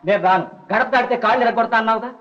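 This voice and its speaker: An actor playing a cheeky, teasing young nephew, heard in a dull old film soundtrack. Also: male voice, high voice, racing, a bit bright. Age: young adult. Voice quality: teasing, mischievous.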